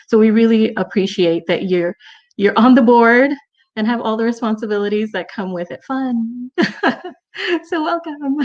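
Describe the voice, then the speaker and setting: A woman hosts a casual cook-along from her home kitchen over a video call. She talks in a warm, rambling way, with plenty of fillers and religious phrases. Her voice sits in a middle pitch, and the audio is slightly muffled. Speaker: host.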